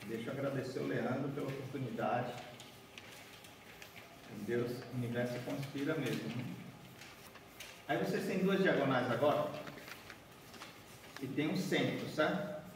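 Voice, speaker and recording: At a measured pace with long pauses, a medium-pitched man in his forties from Bahia, Brazil, leads an origami workshop for a seated group in a large conference room. He is chatty, walks while folding paper and keeps asking "né?" and "certo?". The background is noisy, and the echoey hall is captured from far off by a room camera, no mic seen.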